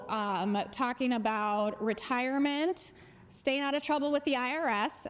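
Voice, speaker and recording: A woman with a Minnesota accent giving a live talk on finances to a conference audience and polling the crowd. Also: a little high. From Minnesota, USA. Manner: friendly, asks the crowd questions. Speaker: financial educator and speaker. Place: conference hall. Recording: long reverb of a large hall.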